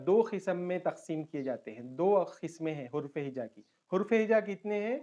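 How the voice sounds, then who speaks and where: A man's voice: high-pitched, darkish tone, dull audio. A man teaching an online lesson. He explains patiently, repeats terms and mixes in English.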